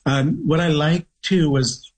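A middle-aged man from Trinidad with a Trinidadian accent, a guest author telling stories from his childhood in a measured, thoughtful way, with pauses and restarts. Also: on the high side, expressive, breathy edge, rough recording. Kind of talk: reflective interview storytelling.

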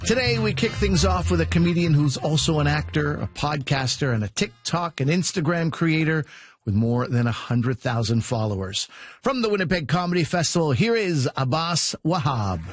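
A man's voice: fairly high pitch, animated, moderate pace. Male show host intro, friendly and upbeat, light music bed.

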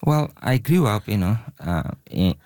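A man from Bangladesh, a researcher guest on a radio interview, speaking haltingly with many fillers. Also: lowish voice, sing-song, a little mellow, no room sound, studio quality.

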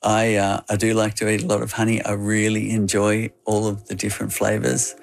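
Australian man, interview guest, explanatory talk, heavy vocal fry, lowish pitch. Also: completely flat delivery, brisk.

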